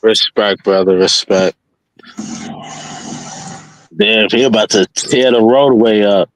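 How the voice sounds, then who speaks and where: A man with a fairly low voice talks casually in a group chat. He uses street slang and doubles up his phrases, and the sound is close and dry. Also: takes it slowly, dry recording, rough recording.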